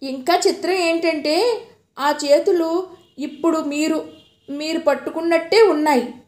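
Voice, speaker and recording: A woman's voice: very high-pitched, measured pace, darkish tone, pitched above the performer's own voice. A woman voicing a frightened young wife. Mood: recounting fearfully. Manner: breathless, anxious, pleading. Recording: roomy echo.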